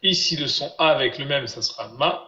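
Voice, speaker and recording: A man teaching a live online class, patiently repeating syllables slowly for his students over a video call. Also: mid-range voice, pushed and bright. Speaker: Biblical Hebrew teacher. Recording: roomy, dull lo-fi sound.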